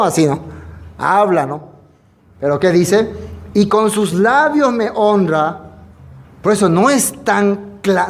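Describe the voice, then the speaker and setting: Predicador de voz aguda. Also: male voice, sits high, a little mellow. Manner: reads verses slowly and emphatically, then explains in a conversational tone; speaks directly to the listener, with rhetorical questions. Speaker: preacher. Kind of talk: expository sermon, reading and explaining scripture.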